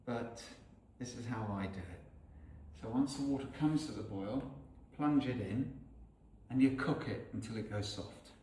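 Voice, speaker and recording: A man's voice: mid-range voice, moderate pace, distant mic. A middle-aged man with a Norfolk accent chats easily through a cooking demonstration and explains each step as he works. His voice sounds roomy and set a little away from the mic, with a faint hiss of background noise behind it. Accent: Norfolk English. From North Norfolk, England. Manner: chatty, relaxed, explains as he goes. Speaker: chef and host. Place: outdoors on salt marshes, then a home kitchen.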